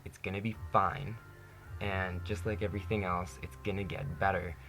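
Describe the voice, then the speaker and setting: A man's voice: sits low, little pitch movement, moderate pace, a bit bright, faint music behind. A young man in his twenties from Canada, speaking candidly to camera in a personal monologue, earnest and peppered with "you know". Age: 20s. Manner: earnest, candid, says "you know" constantly, laughs often. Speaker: vlogger.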